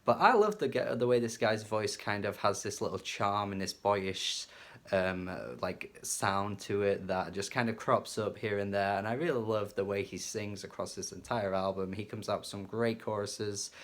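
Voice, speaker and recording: A man's voice: lowish voice, normal speed, a bit bright. A man casually reviewing a rock album, enthusiastic and chatty, with fillers and some swearing. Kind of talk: casual music review monologue.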